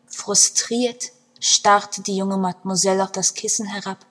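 A woman reads a story aloud in a breathy, mid-pitched voice. Her narration is expressive, dropping into hushed passages and rising strongly at dramatic turns. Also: unhurried. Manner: expressive, with swings between hushed and loud passages.

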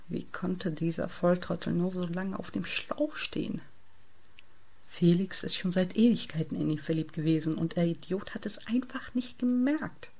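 A woman reading a novel aloud in the first person, with calm, wry storytelling. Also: lowish voice, creaky. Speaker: audiobook narrator. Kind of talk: first-person audiobook narration.

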